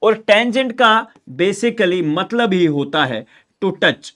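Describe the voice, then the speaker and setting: High-voiced Kashmiri maths teacher. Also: male voice, lively intonation, takes it slowly, pushed and bright. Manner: calls students "beta", asks and answers his own questions, repeats key terms. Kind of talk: classroom lecture.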